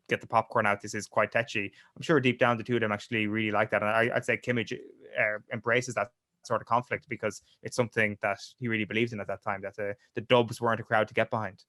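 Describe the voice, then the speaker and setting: A man's voice: lowish voice, steady tone, fast talker, fairly bright tone, no room sound. Chatty man, dry close sound. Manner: chatty, many restarts and fillers. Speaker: sports journalist guest. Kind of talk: casual podcast interview.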